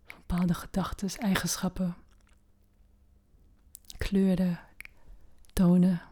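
Woman, meditation guide, dark relaxed tone, slightly low pitch, soft breathy near-whisper, gentle, unhurried with long pauses.

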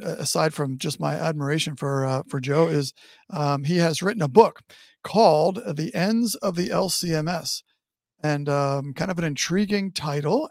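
A man's voice: on the high side, gravelly, no room sound, clean studio sound. A man hosting a podcast as a pastor, chatting casually with lots of filler sounds. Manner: friendly, many filler sounds.

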